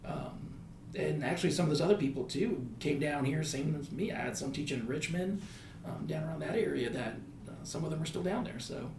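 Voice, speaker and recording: Slightly high-pitched and a bit fast, this American man in his thirties has noticeable vocal fry. He's a school principal giving a thoughtful podcast interview, frequently restating things, and the recording carries echo and faint background noise.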